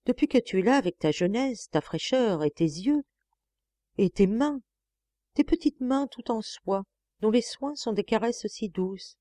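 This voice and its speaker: Sickly young man in love , woman reader, soft and breathless, mellow tone, no room sound. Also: mid-range voice, no room sound, close to an everyday voice.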